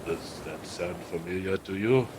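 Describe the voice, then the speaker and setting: A man's voice: low voice, moderate pace. A man playing a tabletop game, chatting casually in character and out. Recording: clear sea and wind noise behind.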